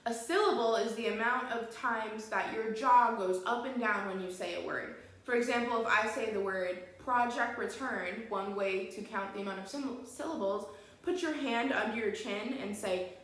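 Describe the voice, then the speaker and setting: A woman's voice: mid-range voice, a bit bright. A woman teaching an online poetry lesson, explaining each rule patiently and step by step. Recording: very echoey room.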